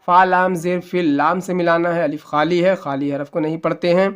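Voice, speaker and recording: Man, Quran teacher, smooth clear voice, slightly high pitch, slow syllable-by-syllable spelling lesson, explains rules. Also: steady tone. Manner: spells syllables slowly, then draws out the joined word.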